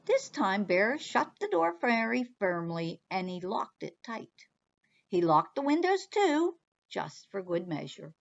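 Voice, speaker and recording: A woman's voice: medium pitch, sing-song, a little slow, gravelly, muffled recording. A woman librarian reading a picture book aloud expressively for children, stopping to talk to them directly.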